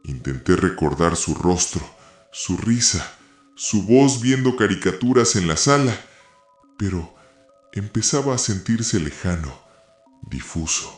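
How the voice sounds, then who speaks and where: A man narrating a scripted horror story in a slow, hushed, dramatic way. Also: low voice, sing-song. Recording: echoey room, faint music.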